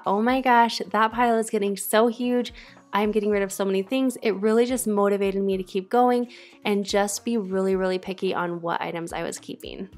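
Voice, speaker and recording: A young woman narrating her home decluttering vlog in a chatty, encouraging voice-over, often repeating words for emphasis. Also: mid-range voice. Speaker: home cleaning vlogger. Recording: faint background music.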